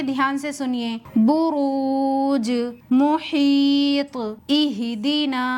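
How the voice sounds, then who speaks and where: A woman teaching an online Quran reading lesson. She talks straight to her viewers and asks them to listen closely and repeat after her. She spells out and recites the examples slowly and draws them out between her explanations. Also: high-pitched. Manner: addresses viewers directly, asking them to listen carefully and repeat.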